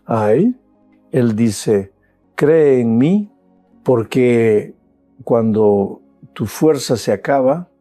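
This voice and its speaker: An older male pastor delivers a sermon in an unhurried, deliberate cadence, leaning on long pauses and swells of emphasis. His tone is dark and mellow. The voice sits close and dry, with soft music underneath. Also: medium pitch, dry recording. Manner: slow, measured preaching with dramatic pauses and rising emotional emphasis.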